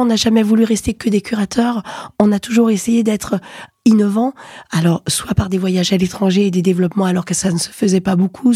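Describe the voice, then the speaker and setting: A woman in her forties, an executive in luxury watch retail, answering interview questions in a measured way, with hesitations, self-corrections and a voice that sometimes cracks. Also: mid-range voice, dark tone, husky, no room sound, clean studio sound. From Ukrainian roots. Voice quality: voice occasionally cracking.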